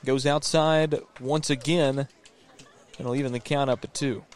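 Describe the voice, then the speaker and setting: A man's voice: medium pitch, steady tone, a little slow. Man calling live baseball play-by-play. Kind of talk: live sports commentary.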